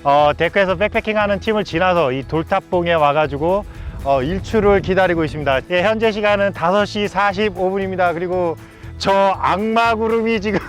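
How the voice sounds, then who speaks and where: Once more a bit quick, the fairly high-voiced host speaks from the windy peak for his travel vlog. Formal, polite presenter language alternates with bursts of amazement, all over quiet background music.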